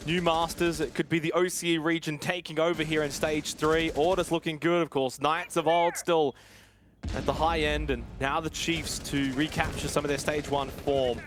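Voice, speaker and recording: A man casts a live esports match with rapid play-by-play, his voice leaping into shouts during big moments. His pitch is fairly high, and there is slight background noise.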